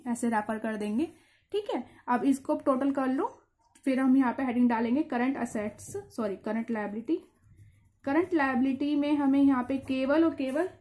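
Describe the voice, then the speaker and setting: Female tutor with a high voice and a patient, step-by-step lecturing manner. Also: a little mellow. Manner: explains patiently, checks in with "theek hai". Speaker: commerce teacher.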